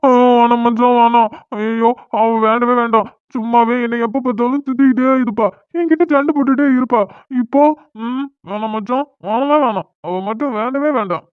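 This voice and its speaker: A woman's voice: a little high, fairly quick, few pauses, clean tone, no echo, natural voice. Whiny young cartoon guy, a woman doing him, thin phone-like sound, dry room. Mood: pleading. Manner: complaining, self-pitying, pleading. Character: young man, newly and unwillingly married, whiny. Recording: dry, tinny phone-like audio.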